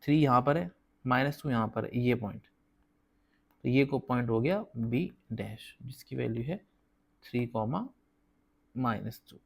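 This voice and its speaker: Here a man with a creaky, medium-pitched voice runs a laid-back whiteboard math lesson. He goes step by step, regularly checks that viewers understand, and counts out slowly while sketching.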